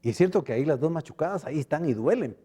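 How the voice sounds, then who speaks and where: A man's voice: fairly high pitch, very fast, husky. A man with a Guatemalan accent preaching a sermon as pastor, acting out short dialogues as he goes. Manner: animated preaching, acts out little dialogues.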